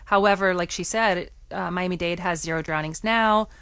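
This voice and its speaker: This woman's voice is fairly low, a bit bright and smooth, and she speaks at a moderate pace in a dry recording. She is a guest from a swim lesson nonprofit on a radio call-in discussion, explaining earnestly and frequently starting sentences over.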